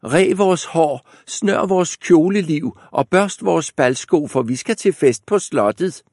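A man doing shrill, bossy stepsisters. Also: expressive, a little mellow, no echo, studio quality. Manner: shrill, ordering. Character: two bossy spoiled young stepsisters.

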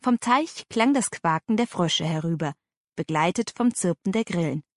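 A woman narrating a children's story in a vivid, animated way. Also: on the low side, moderate pace, dry recording, clean studio sound. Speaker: audiobook narrator.

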